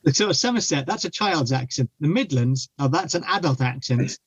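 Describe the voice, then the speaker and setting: A man's voice: a little high, lively intonation, a little fast, breathy edge, dry recording. A man with a slightly raised voice makes wry jokes in casual film talk. The audio is dull and lo-fi, and dry with no room sound. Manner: wry, joking. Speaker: film podcast panelist. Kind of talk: casual chat.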